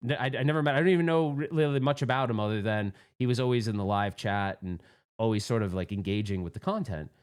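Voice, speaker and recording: A man's voice: fairly low pitch, fast, clear, resonant tone. A man hosting his own channel, telling a rambling, self-mocking story in a casual, candid way. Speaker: pinball channel host.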